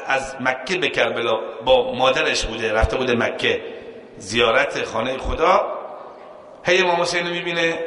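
A man's voice: mid-range voice, sharp tone. Man preaching in an echoey hall. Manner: storytelling with quoted dialogue and chanted verse, rising emphasis. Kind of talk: sermon storytelling.

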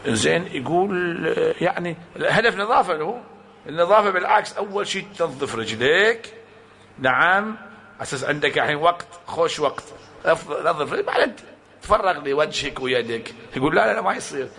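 Animated preacher, bright voice. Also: male voice, fairly high pitch, fairly quick, creaky, a little hiss or hum. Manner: animated storytelling with acted-out quotes and rhetorical questions. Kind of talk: sermon to a congregation.

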